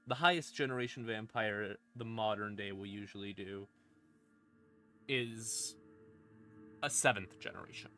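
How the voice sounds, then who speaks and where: Eerie ambient music runs under this man's lowish, sharp-toned voice as he speaks at a measured pace with long pauses. Streamer-style, he breaks down lore casually, swearing freely and dropping wry, irreverent comments.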